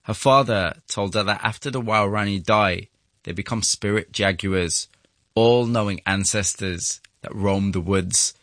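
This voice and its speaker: Low-voiced male documentary narrator. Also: measured pace, a bit bright, no room sound, studio quality. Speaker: host and narrator. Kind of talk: scripted documentary narration and interviewing. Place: studio.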